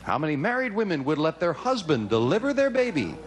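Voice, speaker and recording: A man's voice: a little high, big pitch swings, fairly quick. A man hosting a game show in an upbeat style, announcing results emphatically. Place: television studio with audience. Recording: noisy studio audience recording.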